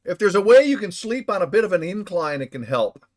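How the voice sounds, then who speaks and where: A man's voice: high voice, very animated, a little fast, darkish tone. A man streaming a game from home, chatting casually and playfully with his viewers and inventing silly words. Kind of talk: casual live stream chat.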